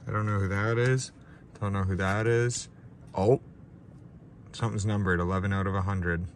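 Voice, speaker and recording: A man's voice: on the low side, fairly even intonation, normal speed, a little hiss or hum. A young man with a stuffed-up nose, casually talking through opening trading card packs, unscripted and a bit self-deprecating. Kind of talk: casual pack-opening commentary. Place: small room with a ring light.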